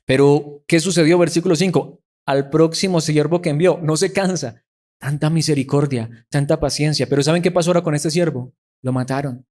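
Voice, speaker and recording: A man's voice: on the high side, brisk, darkish tone. A man preaching a sermon, who keeps putting rhetorical questions to the congregation.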